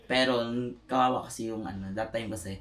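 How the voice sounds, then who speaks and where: A woman's voice: extremely low pitch, steady tone, brisk. A woman casting votes in a casual chat, hesitant and searching for words, giggling now and then. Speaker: housemate casting eviction votes. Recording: roomy echo.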